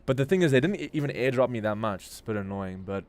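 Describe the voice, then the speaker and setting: A man's voice: medium pitch, expressive, quick pace, a little mellow. A man with a South African accent giving casual live market commentary as a stream host, informal and slangy as he thinks aloud. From Durban, South Africa. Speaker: crypto trading livestream host.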